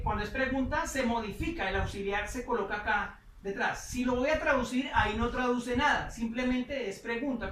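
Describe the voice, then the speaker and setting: A woman teaching English grammar in Spanish, patiently repeating and slowing down her example sentences. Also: fairly high pitch, fairly bright tone, slight background noise. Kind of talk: explaining English grammar on a whiteboard. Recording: echoey room, voice from a distance.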